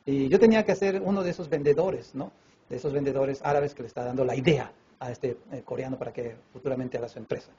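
A man's voice: medium pitch, fast. A man from Peru with a Peruvian Spanish accent, a preacher telling a personal testimony in a sermon and acting out the dialogue. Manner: animated storyteller who acts out dialogue voices, with many fillers. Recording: dull lo-fi recording with faint room noise.

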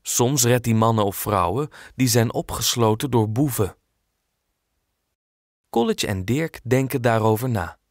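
A man narrating a children's audiobook in a clear, expressive storytelling manner. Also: mid-range voice, unhurried, no echo, clean studio sound.

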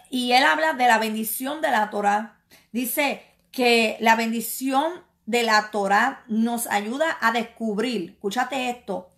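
A woman evangelist delivers a sermon at a deliberate, unhurried pace, stressing and repeating her key words. Her voice sits a little high and carries a gravelly edge. She keeps putting questions to her listeners and answering them herself. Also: a bit bright. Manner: slow emphatic preaching with repeated words and rhetorical questions.

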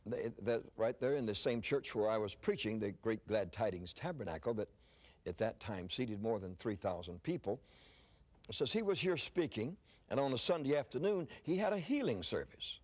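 A man's voice: mid-range voice, expressive, moderate pace, darkish tone. An older man preaching, telling a story in a sermon, often repeating words as he starts a phrase.

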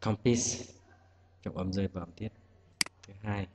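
A man teaching an exam-prep lesson, explaining every answer patiently and step by step. His voice sits on the low side and rings with a long hall echo. A steady hiss runs under the recording, and mouse clicks sound behind him. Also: a little fast. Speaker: English teacher. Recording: echoey room with loud hiss.

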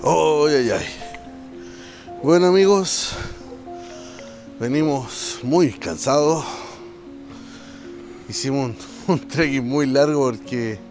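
A Chilean man talking casually and haltingly on an outdoor night exploration vlog. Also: medium pitch, a little mellow, faint music behind. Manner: halting, searching for words. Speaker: paranormal exploration vlogger.

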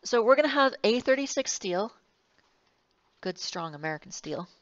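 A woman engineering instructor rambles through a recorded lecture, correcting herself and tossing in wry asides. Her mid-range voice is expressive and moves at a normal pace. The sound is dull, slightly muffled and dry.

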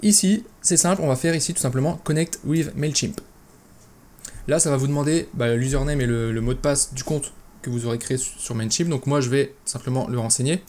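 A man calmly talking through a software tutorial step by step, with lots of fillers and restarts. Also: medium pitch, fairly quick. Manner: relaxed, explains step by step with many fillers and restarts. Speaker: e-commerce tutorial host. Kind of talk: casual screen-recorded software tutorial.

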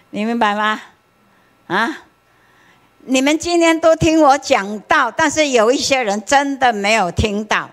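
Woman pastor, sermon; lively swooping delivery, quizzes the congregation and chuckles through her stories, miked in a church. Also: mid-range voice. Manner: lively, questions the congregation and answers herself; acts out anecdotes, chuckles often. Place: church sanctuary.

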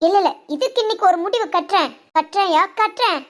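A woman voicing a dramatic, shrill young wife. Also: expressive, fast talker. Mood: aggrieved. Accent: Tamil Nadu Tamil. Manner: bickering, dramatic. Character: sharp-tongued young wife, theatrical complainer. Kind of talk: cartoon voice acting.

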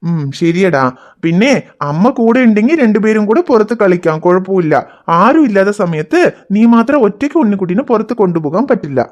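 A performer voicing a quick-talking gentle cartoon dad. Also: mid-range voice, natural voice. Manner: calm, reassuring, explains things to his children. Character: patient, gentle cartoon father. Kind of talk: cartoon voice acting.

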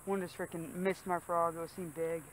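A man's voice: on the high side, flat delivery, moderate pace, a little hiss or hum, poor audio. A teenage boy casually narrating his fishing trip by a pond, offhand and slangy, recorded outdoors on a camera mic. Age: teens. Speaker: vlogger. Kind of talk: casual fishing vlog commentary.

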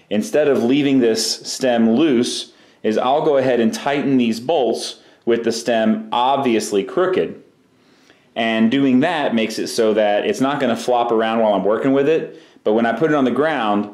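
Here a man of medium pitch and a slightly mellow tone works through a bike repair in his workshop. As a mechanic giving a hands-on tutorial, he keeps it casual and practical, explaining step by step, with a roomy sound.

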